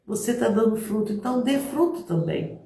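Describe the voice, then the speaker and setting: A middle-aged woman with a Brazilian Portuguese accent, a missionary giving a lively church talk, acting out examples and speaking straight to her listeners. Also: fairly high pitch, moderate pace, vocal fry, a little hiss or hum. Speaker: missionary preacher. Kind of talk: motivational church talk to a congregation. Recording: roomy, echoing recording.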